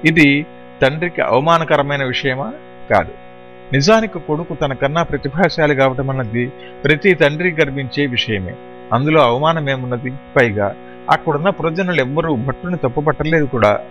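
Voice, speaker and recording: A man narrating a storybook in a steady, explanatory storytelling manner. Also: a little high, moderate pace, faint music behind. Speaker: audiobook narrator. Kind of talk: scripted narration.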